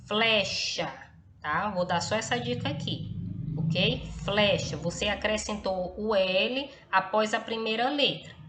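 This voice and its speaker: A woman teaching a class, her mid-pitched voice ringing in an echoey room over a faint hiss. She talks slowly and patiently, checking in with the class after almost every phrase. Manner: slow and deliberate, spelling out letters one by one. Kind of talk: recorded class lesson.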